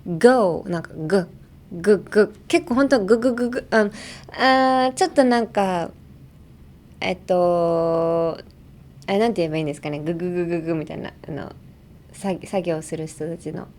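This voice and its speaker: A woman's voice: lowish voice, normal speed, a little mellow. A young woman hosting a casual bilingual pronunciation lesson, playfully demonstrating sounds with repeated syllables. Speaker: English pronunciation coach.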